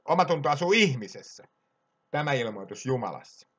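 A man preaching a sermon with passion, swinging between loud exhortation and quiet asides. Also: mid-range voice, sing-song, breathy edge.

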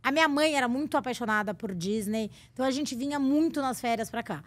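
A woman in her forties from Brazil, a guest telling stories in a relaxed, laughing chat. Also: high voice, quick pace, dry recording. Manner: chatty, laughing storyteller. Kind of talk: casual chat.

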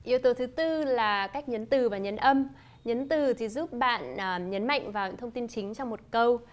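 A woman teaching a lesson, explaining in a clear, measured way and demonstrating example phrases. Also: a little high. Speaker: English teacher. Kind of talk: scripted lesson narration.

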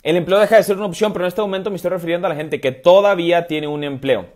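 A man's voice: high-pitched, very fast, darkish tone. Emphatic man asking rhetorical questions. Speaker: online business coach. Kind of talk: motivational live stream. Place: indoors, room with stone-pattern wall. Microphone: wired earphone headset mic, phone camera.

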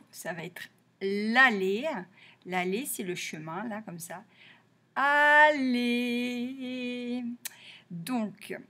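A woman's medium-pitched, slightly bright voice guides young children through learning to read in French. She repeats each word patiently and stresses its sounds.

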